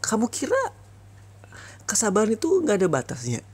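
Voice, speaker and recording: A man doing a bitter, husky breakup boyfriend. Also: high voice, huge pitch swings, a little fast, darkish tone, exaggerated voice. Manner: heated, reproachful, repetitive scolding. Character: bitter young boyfriend breaking up with toxic girlfriend. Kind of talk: ASMR boyfriend role-play.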